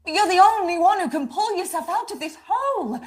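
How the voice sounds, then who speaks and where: An actress playing an exhausted mother who scolds her husband forcefully. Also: very high-pitched, animated, brisk. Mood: angry. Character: exhausted, fierce British mother and wife.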